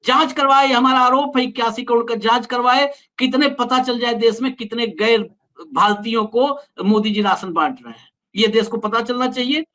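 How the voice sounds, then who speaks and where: A man hosts a political talk show with a bright, forceful voice. He asks pointed questions and presses accusations. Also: very high-pitched, normal speed, low-quality recording. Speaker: show host. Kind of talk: political discussion.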